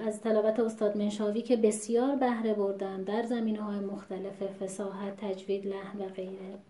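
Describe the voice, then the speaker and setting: A woman teaching Quran recitation in a measured, patient lesson, stopping to sound out words as examples. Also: medium pitch, warm tone. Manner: measured, patient, demonstrates pronunciations aloud. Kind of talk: explanatory lesson. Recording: echoey room.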